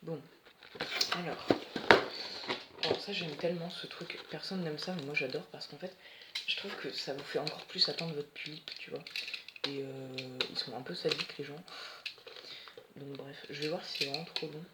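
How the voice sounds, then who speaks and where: A teenager chatting excitedly and rambling while unboxing, swearing often, filmed on a phone at home. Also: mid-range voice, moderate pace, pauses often, very noisy. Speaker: doll collector vlogger. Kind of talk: casual unboxing chat. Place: at home, indoors. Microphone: phone camera. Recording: echoey room with loud plastic rustling. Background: crinkling bubble wrap and plastic.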